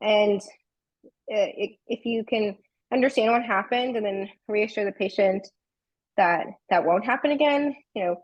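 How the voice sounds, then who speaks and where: Woman participant, measured and thoughtful, breathy edge, dry recording. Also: mid-range voice, no room sound, lo-fi sound. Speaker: workshop participant. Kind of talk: group discussion.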